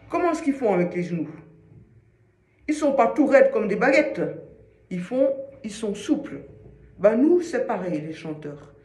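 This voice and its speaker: A man's voice: high-pitched, a little mellow, roomy sound, rough recording. A man giving an informal singing lesson to one student, explaining patiently with everyday comparisons. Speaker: singing teacher.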